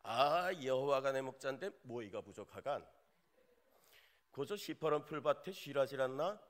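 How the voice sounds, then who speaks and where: Folksy northern countryman, pyongan dialect, drawling homespun recitation, lively swooping pitch, a man doing the voice. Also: normal speed, lightly acted.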